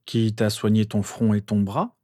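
A man's voice: on the low side, little pitch movement, moderate pace, a little mellow, dry recording, clean studio sound, lightly acted. A man voicing a cold, firm father who hands out punishments. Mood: stern.

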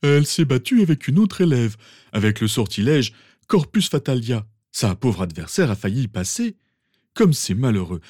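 A man voicing a pompous, sentimental old male wizard professor, with theatrical, drawn-out exclamations. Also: mid-range voice, big pitch swings, darkish tone, breathy edge, no room sound, clean studio sound. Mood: fussing. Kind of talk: fan audiobook reading.

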